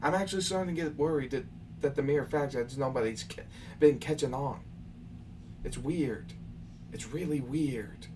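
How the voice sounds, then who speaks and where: During a casual live session, a young male channel host answers viewer questions, talking loosely and lecturing with some exasperation. His mid-range voice runs at normal speed, broken by long pauses. He is distant from the microphone, with faint noise in the background.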